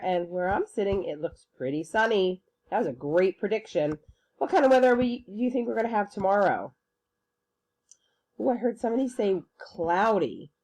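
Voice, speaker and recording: A woman's voice: mid-range voice, a little mellow. A woman preschool teacher leading a circle time lesson for children in an encouraging, sing-song way.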